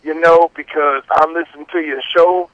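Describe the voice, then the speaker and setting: Man, phone caller, reverend, effusive and grateful, fairly high voice, dry sound. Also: fairly even intonation, moderate pace, dry recording. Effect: heard over a phone line. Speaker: radio show caller, reverend. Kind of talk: call-in chat.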